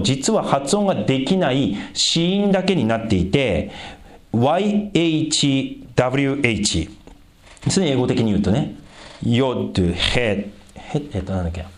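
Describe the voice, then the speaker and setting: Animated male preacher in an echoey room. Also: medium pitch. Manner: lively, conversational, speaks directly to the congregation. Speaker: pastor. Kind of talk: sermon.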